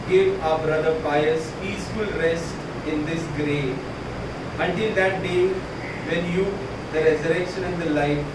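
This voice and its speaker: Echoey, distant male priest praying solemnly. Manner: solemn, measured phrasing. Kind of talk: liturgical prayer and scripture reading. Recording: echoey, distant, loud rumbling background noise.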